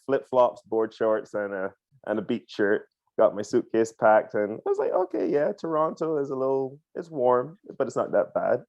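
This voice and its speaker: A man's voice: on the low side, a little mellow, dry recording. A man from Barbados, a pilot telling his story as a podcast guest in a chatty way, full of ums and uhs. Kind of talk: casual interview answers. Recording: dull lo-fi dry sound.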